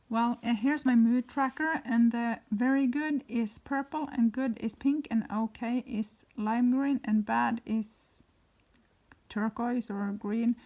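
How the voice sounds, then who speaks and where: A woman's voice: fairly high pitch, gravelly, a little mellow, a little hiss or hum. A woman from Norway, chatty and rambling with plenty of fillers, giving a casual flip-through narration of her bullet journal indoors.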